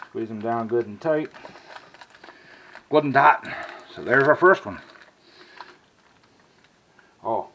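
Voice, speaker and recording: In a low-quality recording with a bit of hiss or hum, a man with an expressive, sharp-toned, mid-range voice takes his time and pauses often. He's a cooking channel host, folksy with his "y'all" viewers as he preps in the kitchen and then grills outdoors, using a handheld camera mic.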